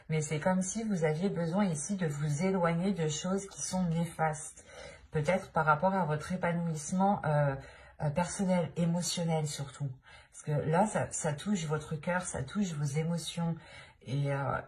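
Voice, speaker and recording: This tarot reader, a woman with a French accent, speaks to camera haltingly, full of fillers and false starts as she searches for the right words. She has a fairly low, darkish voice.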